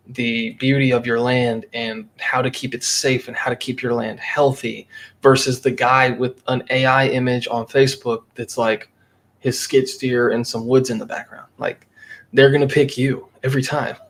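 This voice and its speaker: A man talking casually as a guest on a podcast, lively and acting out what customers would say. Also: mid-range voice, normal speed. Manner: animated, acts out quoted customers. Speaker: marketing agency guest.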